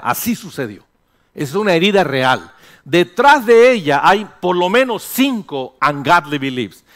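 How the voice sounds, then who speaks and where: An older man preaching a sermon as pastor, animated and joking with the congregation, dropping into a hushed low voice at times. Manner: animated, jokes with the congregation, mixes English phrases. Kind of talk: sermon teaching.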